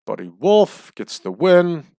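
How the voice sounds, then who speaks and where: Talking slowly but with great animation, this let's-play host has a gravelly, dark-toned voice on the high side, with no room sound. He's in a small room at home explaining his choices in a relaxed playthrough, his voice somewhat off and dry from the air there.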